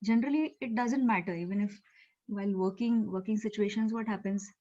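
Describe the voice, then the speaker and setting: Indian lady teacher on a video call, soft mellow voice, kinda dull lo-fi audio, lots of uh and um. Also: medium pitch, a little fast. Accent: Indian English. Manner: explanatory, with frequent fillers and repetitions. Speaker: Japanese language teacher. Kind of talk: online class lecture.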